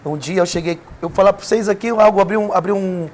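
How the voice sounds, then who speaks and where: A man's voice: high-pitched, quick pace. A Brazilian man, a preacher and podcast guest, telling an emotional personal testimony in an earnest, emphatic way. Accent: Brazilian Portuguese. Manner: earnest storytelling, emphatic with rising intensity.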